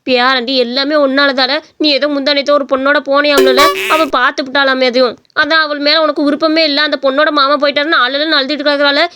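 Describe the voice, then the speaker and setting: Bossy cartoon granny, older, lowered voice, done by a woman, quick scolding. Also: little pitch movement, bright, forceful tone. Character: scolding old village grandmother.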